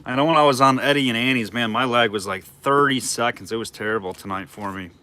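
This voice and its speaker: Bright-voiced chatty auction host. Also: male voice, medium pitch, a little hiss or hum. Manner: chatty, rambling, quick bid calls. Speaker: livestream auctioneer. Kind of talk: casual live auction chat.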